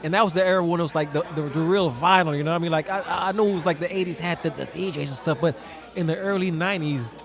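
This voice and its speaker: A Trinidadian man guest DJs in a casual outdoor interview, his voice a little high and gravelly as he talks fast over crowd noise. He's animated and streetwise, repeatedly saying "you know what I mean".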